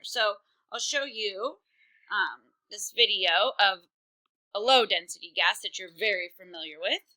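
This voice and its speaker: A woman teaches chemistry in a recorded online lesson, working problems on screen while talking casually with plenty of fillers. Her voice is medium-pitched with a sharp tone, and the audio is poor.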